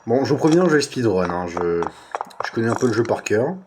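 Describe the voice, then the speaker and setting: A young man with a French accent giving playful, excitable commentary while playing a horror game. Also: mid-range voice, brisk, background noise. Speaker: gaming youtuber. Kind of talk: casual horror game let's play commentary.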